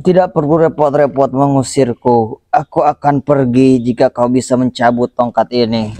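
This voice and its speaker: A man's voice: medium pitch, steady tone, moderate pace, warm tone, no echo, natural voice, low-quality recording. A young man playing a mysterious old beggar grandfather, stern and righteous, speaking in a solemn, declamatory way in a school drama. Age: young adult. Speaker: student actor.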